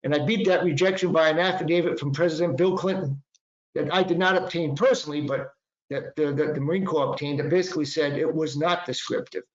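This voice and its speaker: A man's voice: on the high side, steady tone, fast. A man in his sixties with a Boston accent, an attorney giving a conversational webinar presentation with many fillers and restarts. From Northeastern United States. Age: 60s. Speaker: patent and trademark attorney presenter. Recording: echoey, dull lo-fi room sound.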